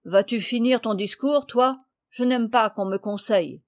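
A woman's voice: a little high, unhurried, no room sound, studio quality. A woman reading the part of a rude, surly peasant man. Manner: curt, rude.

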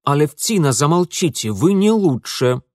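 A man's voice: a little high, sing-song, moderate pace, a little mellow, no echo, studio quality, voice pushed up. A man voicing a stern young governess with a light German accent, indignant and commanding.

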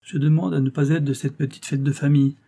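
A man's voice: fairly high pitch, level tone, quick pace, gravelly, mellow, slightly rough, pitched above the performer's own voice. A man voicing a cheeky, impertinent young man in an audiobook, with a mocking, flippant delivery. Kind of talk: audiobook character voice.

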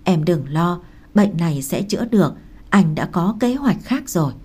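A woman's voice: on the low side, lively intonation, normal speed, darkish tone, slightly rough. A woman reading the lines of a devoted young man who earnestly reassures his wife, in an audiobook. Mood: reassuring.

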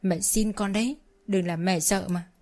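A woman's voice: medium pitch, steady tone, moderate pace, a little mellow, natural voice. A woman voicing a worried older village mother who presses with anxious questions in a told story. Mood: tearful.

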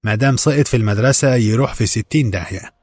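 A man voicing a stingy middle-aged Egyptian husband who speaks calmly and sarcastically, with a husky voice. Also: mid-range voice, fast talker, lightly acted. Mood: cold sarcastic. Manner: calm, dismissive, sarcastic.

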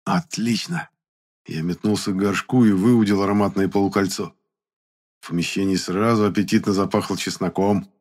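A man narrating an audiobook in the first person with an even storytelling delivery. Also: low voice, fairly quick.

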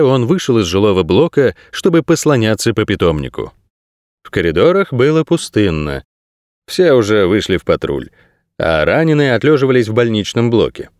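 A man's voice: on the low side, darkish tone, dry recording, studio quality. A man reading an audiobook aloud as scripted narration.

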